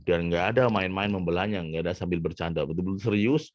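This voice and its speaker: A man who is a motivational coach, telling a story in an animated way during a talk. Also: low voice, fast, no room sound. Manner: animated, acts out voices in his story. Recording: dull, muffled sound.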